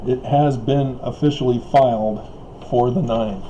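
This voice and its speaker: An online video commentator rambles through a solo monologue in a warm, mid-range voice with fairly even intonation and a measured pace. He chuckles often between remarks and hesitates constantly, full of fillers and restarts, as his voice wears out and he coughs. The audio is dull, with a little hiss or hum.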